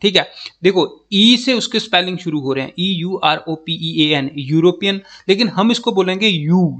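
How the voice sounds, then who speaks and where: A man from Jammu with a Jammu accent, teaching an English grammar lesson for exam preparation. He keeps checking in with "okay" and spells words out slowly letter by letter. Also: a little high, fairly bright tone. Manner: repeats "ठीक है" and "जो है वो" constantly, spells out letters slowly.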